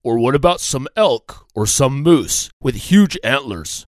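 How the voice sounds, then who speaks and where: A man voicing a male eagle praying quietly and doubtfully, in a storybook. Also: medium pitch, lively intonation, unhurried, no echo, studio quality, lightly acted. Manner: quiet, questioning.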